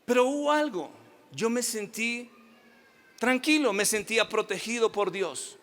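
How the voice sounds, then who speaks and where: A man's voice: extremely high pitch, expressive, a little slow, fairly bright tone, long reverb tail. A middle-aged male pastor preaching a sermon, leading the congregation in repeating phrases with sing-song emphasis.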